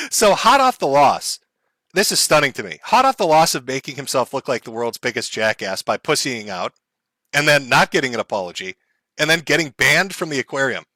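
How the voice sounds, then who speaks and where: A man's voice: medium pitch, very animated, moderate pace, pushed and bright, no echo. A man hosting a stream, telling a story in a profane, sarcastic way with frequent laughs and mock voices. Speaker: commentary streamer host. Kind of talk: mocking stream commentary.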